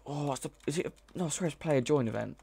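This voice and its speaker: Here the live-streaming mod developer talks fast in a slightly high, mellow voice that's a bit rough and has vocal fry. He chats casually as he codes, thinking aloud and frequently stopping to hesitate or fix what he said.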